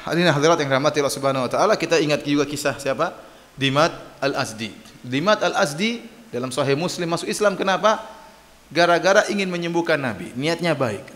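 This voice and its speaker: Male preacher, somewhat high voice, storyteller who acts out dialogue, hall echo. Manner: lively storyteller acting out quoted dialogue, asks and answers his own questions. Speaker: Islamic preacher. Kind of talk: sermon with storytelling. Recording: long hall reverb.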